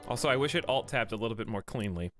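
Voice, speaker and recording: His voice is mid-range and expressive, with a quick pace, as this man chats casually with viewers on a home game live stream through a desk mic. He has a cold, yet he still greets people and jokes, with faint game music in the background.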